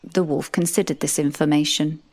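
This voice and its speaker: A comic audio drama is told in first person by a woman whose voice is low and darkish in tone. Her delivery is steady and moderately paced, with a dry, sardonic edge, as if she is the narrator caught up in the story herself.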